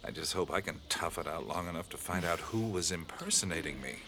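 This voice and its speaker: A man's voice: deep voice, lively intonation, a little fast, sharp tone, a little hiss or hum, exaggerated voice. An actor playing an earnest, baffled, good-natured man in an audio drama, speaking casually and a little hesitantly. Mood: gentle, thoughtful.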